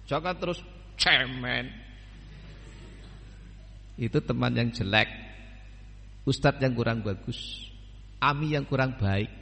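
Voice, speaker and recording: A man's voice: medium pitch, takes it slowly, vocal fry, pauses often, sharp tone. A man giving a religious study lecture, speaking unhurriedly and addressing his students directly with homely examples. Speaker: religious teacher. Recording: long hall reverb.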